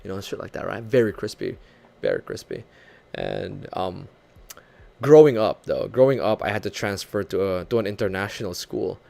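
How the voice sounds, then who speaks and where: A gravelly, lowish male voice at a moderate pace comes from a young Filipino VTuber in an easygoing live-stream chat. He laughs often, makes self-deprecating remarks, and perks up when retelling events, with English that leans slightly North American.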